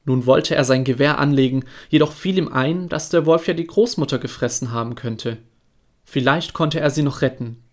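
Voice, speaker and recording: A man reading a fairy tale aloud in a calm, even storytelling voice. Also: mid-range voice, normal speed.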